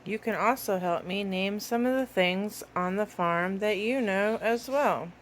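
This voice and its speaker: Unhurried and medium-pitched, a woman presents a children's educational video about toys for toddlers, with a little hiss or hum in the audio. She keeps her words simple, as if reading to a small child, and her delivery is playful with sing-song questions.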